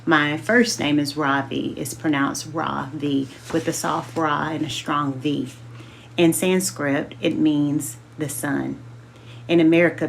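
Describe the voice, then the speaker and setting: As a book club host, a woman reads a children's book aloud slowly, carefully sounding out the names. Her voice is deep and gravelly, with slight background noise.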